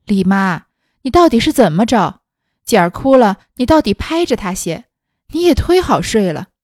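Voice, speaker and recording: A woman reading the lines of a gentle, loyal young maid, speaking in a soothing, coaxing way. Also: medium pitch, expressive, moderate pace, no echo, clean studio sound, close to an everyday voice. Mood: scolding.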